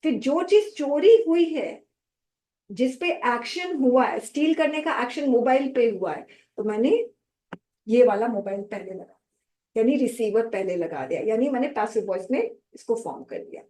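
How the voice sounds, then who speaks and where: A woman's voice: a little high, expressive, moderate pace, dark tone. A woman teaching an English grammar lesson, switching between Hindi and English and acting out the dialogue in her stories. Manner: mixes Hindi and English, acts out quoted dialogue. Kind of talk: classroom lecture with personal stories.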